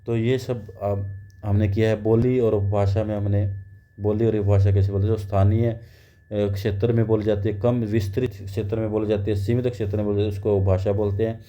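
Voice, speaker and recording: A man's voice: on the low side, flat delivery, brisk, mellow. A man giving a grammar lecture, explaining step by step and asking and answering his own questions. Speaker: teacher. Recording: dull lo-fi recording.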